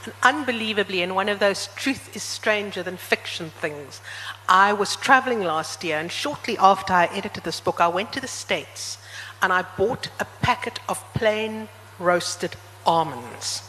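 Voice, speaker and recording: A woman hosting a book talk, chatting to the audience and speeding up and slowing down as she speaks. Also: mid-range voice, animated, fairly bright tone. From South Africa. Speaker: interviewer at a book event. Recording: reverberant hall with faint background noise.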